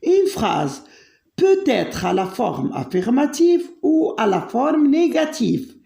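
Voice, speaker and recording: A woman teaching a grammar lesson, slowly explaining rules and repeating each example twice. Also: fairly high pitch, big pitch swings, creaky, warm tone. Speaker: French teacher. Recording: roomy echo.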